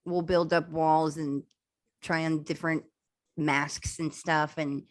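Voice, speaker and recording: A woman's voice: low voice, flat delivery, slow, no echo. A woman guest speaker talking earnestly and chattily on a video call, with many "um"s and "like"s. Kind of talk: casual video-call chat.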